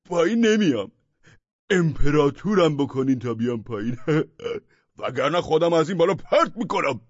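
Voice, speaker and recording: A man voicing a grandiose, defiant madman ranting from a rooftop, loud and bossy, laughing between his shouts. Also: very animated, no echo. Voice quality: loud shouting, high strained voice. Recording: dull, dry, with faint music.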